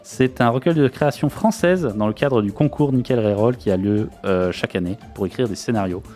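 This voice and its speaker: A man co-hosting a radio show, reading role-playing game news in a relaxed, joking chat with fillers. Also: medium pitch, fairly quick. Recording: radio studio with faint music behind.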